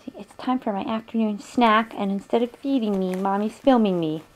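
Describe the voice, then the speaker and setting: A woman's voice: mid-range voice, brisk, close to an everyday voice, poor audio. A woman voicing her hungry baby daughter in a home video, mock-complaining on the baby's behalf, filmed on a handheld camcorder in a bedroom. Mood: mock-grumbling. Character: hungry baby girl, wriggly infant.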